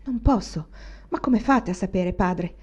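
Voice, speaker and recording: A woman's voice: mid-range voice, measured pace, a little mellow, husky, highs cut off. A woman voicing a frightened young male student revolutionary who pleads and sobs. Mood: stammering. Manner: pleading, sobbing outbursts.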